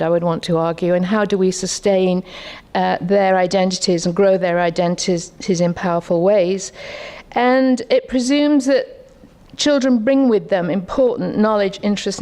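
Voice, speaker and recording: A woman's voice: mid-range voice, darkish tone. A woman, speaking as a conference discussant in a conversational, reflective keynote with rhetorical questions. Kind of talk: keynote talk with personal anecdotes.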